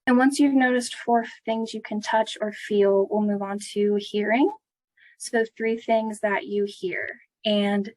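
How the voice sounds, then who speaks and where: A woman therapist leading a grounding exercise in a conversational, unscripted way, giving gentle instructions with unhurried pauses. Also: mid-range voice, no echo, rough recording.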